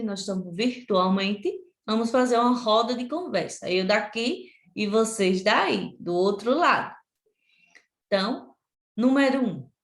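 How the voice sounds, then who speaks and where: A woman teacher from Brazil with a Sergipe accent, giving a remote lesson to children and repeating words slowly and deliberately. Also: mid-range voice, roomy sound. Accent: Sergipe Brazilian Portuguese.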